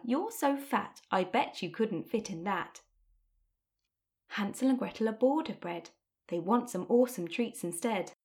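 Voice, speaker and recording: A woman narrating a rhyming story and phonics drills for a textbook audio track, with clear, deliberate delivery. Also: fairly high pitch, darkish tone.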